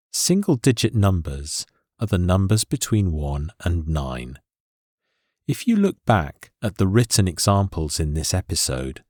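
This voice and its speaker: A man teaching an English lesson, explaining grammar in a slow, clear and deliberate way. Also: low voice, darkish tone, dry recording, studio quality. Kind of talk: scripted lesson narration.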